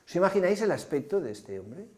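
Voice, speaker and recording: During a sermon, this preacher's voice sits somewhat high yet sounds mellow and warm. He talks fast and very animatedly, vividly painting scenes and repeatedly putting rhetorical questions to his congregation.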